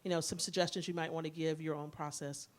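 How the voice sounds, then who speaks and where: A woman's voice: sits low, flat delivery, quick pace. Thoughtful woman asking questions. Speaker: interviewer. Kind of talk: symposium interview.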